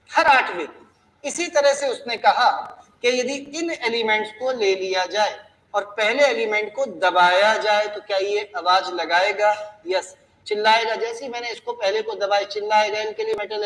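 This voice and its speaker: A man with a high voice teaches a chemistry lesson in a classroom that rings with long reverb. He keeps it playful and keeps asking his students questions. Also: fairly bright tone. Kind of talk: classroom lecture.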